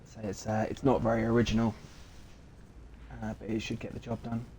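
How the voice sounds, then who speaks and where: A man with a lowish, fairly flat voice talks loosely over his game, stalling on fillers as he goes. Faint background noise sits under his voice. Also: fairly quick. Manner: rambling, relaxed, many fillers. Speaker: streamer. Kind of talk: casual gameplay commentary.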